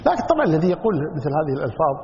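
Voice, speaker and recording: A man gives a religious lesson in a lecture hall with long reverb, and his somewhat high voice comes through a dull, lo-fi recording with faint hiss. He sings and stretches phrases as he acts out mistakes. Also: sing-song, very fast, creaky, darkish tone. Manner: imitates wrong chants of the takbir, drawn out and sung. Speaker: sheikh teaching a fiqh book. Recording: lo-fi, echoey hall.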